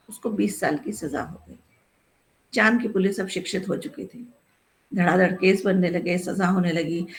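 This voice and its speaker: Female storyteller, dramatic expressive reading, mid pitch. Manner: expressive, lively delivery.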